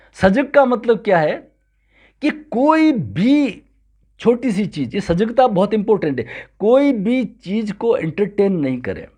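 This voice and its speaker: A man's voice: sits high, darkish tone, breathy edge. A man from Rajasthan, a yoga teacher, giving a spiritual lecture and reciting Sanskrit verses. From Rajasthan, India.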